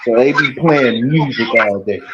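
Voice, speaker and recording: A man's voice: medium pitch, normal speed, very noisy. A man joining a casual chat from his phone, his voice muffled as if heard through a wall, asking short easygoing questions. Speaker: call-in guest. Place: city apartment, music playing outside. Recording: muffled lo-fi phone call with loud street music.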